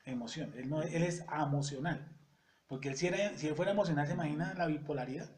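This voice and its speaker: A man teaching a Bible study in a conversational way. He often checks in with the audience and reads scripture verses slowly and deliberately. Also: fairly high pitch, crowd noise. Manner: conversational, keeps asking "yes or no?" to the audience.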